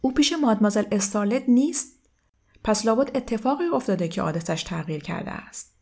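A woman's voice: lively intonation, gravelly, a little mellow. A woman reading aloud and voicing a distraught, confused woman in her thirties who talks in an anxious, pleading way. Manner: pleading, agitated, raised pitch.

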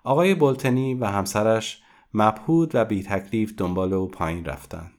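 A man narrating a story as an audiobook in an expressive storytelling manner. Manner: expressive storytelling with wide pitch swings.

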